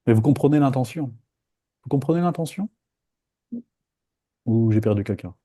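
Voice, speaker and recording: A man leading a live meditation talk in a playful, lively way, acting out inner voices. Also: medium pitch, moderate pace. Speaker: meditation teacher.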